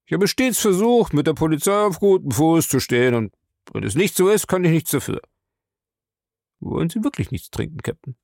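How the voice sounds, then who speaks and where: A man doing a smooth, evasive bar owner. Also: fairly high pitch, expressive, normal speed, a little mellow, dry recording, studio quality, pitched above the performer's own voice. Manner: ingratiating, smooth-talking.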